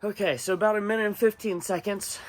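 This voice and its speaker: A man's voice: sits high, fairly even intonation, fast talker. Strained man sitting in ice-cold water. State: shocked by freezing cold water. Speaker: vlogger documenting a challenge. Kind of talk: casual self-filmed vlog. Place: outdoors in an ice bath.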